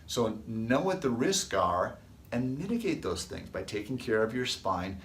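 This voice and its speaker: A man's voice: mid-range voice, sing-song, measured pace, echoey room, slight background noise. Chiropractor man telling folksy stories. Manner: folksy, rambling anecdotes with restarts. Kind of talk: casual storytelling to camera.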